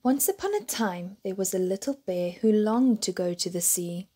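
A woman reading a children's picture book aloud, gentle and expressive. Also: medium pitch, normal speed, husky. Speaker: storyteller.

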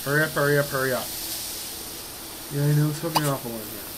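A woman's voice: low voice, fast. A woman commenting casually on her own game play, irritable and swearing as she mutters orders at her characters. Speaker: let's play gamer. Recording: loud noise behind the voice.

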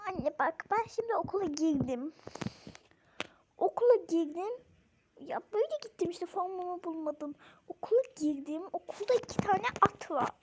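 A woman's voice: extremely high pitch, animated, moderate pace, background noise. A woman playing a daughter in a game role-play, chatty and pleading as she explains herself.

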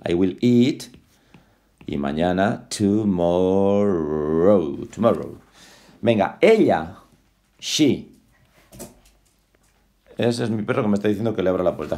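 A man with a fairly low voice that swings widely in pitch teaches a relaxed English lesson from home. He drills words aloud over and over, fixing their pronunciation. Along the way he makes chatty asides about being in a hurry. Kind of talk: casual spoken lesson. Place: home with a dog.

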